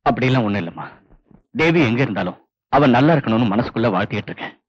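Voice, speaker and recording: An actor playing a young son who talks gently, earnestly and with resignation to his mother. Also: mid-range voice, animated, fast talker, slightly rough, dry recording. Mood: resigned. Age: young adult. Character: self-sacrificing young son named Rishi. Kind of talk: 1990s film drama acting. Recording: dull lo-fi film audio with faint music.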